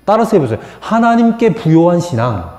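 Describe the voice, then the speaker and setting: A man preaching a sermon as pastor, moving between quiet explanation and emphatic, rising appeals to the congregation. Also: high voice, a little fast. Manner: animated preaching, shifting from soft to emphatic. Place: church sanctuary. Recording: echoey church hall.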